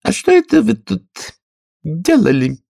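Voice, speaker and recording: A man's voice: wildly swooping pitch, unhurried, gravelly, warm tone, exaggerated voice. Shrieking furious Queen of Hearts, a man doing her. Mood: furious shouting. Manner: shrill, screaming orders.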